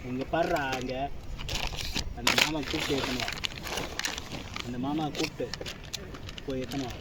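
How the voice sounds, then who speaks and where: A man's voice: mid-range voice, steady tone, moderate pace, very noisy. A man chatting casually and teasingly, prodding with short, repeated questions and commands. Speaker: adult quizzing a young child.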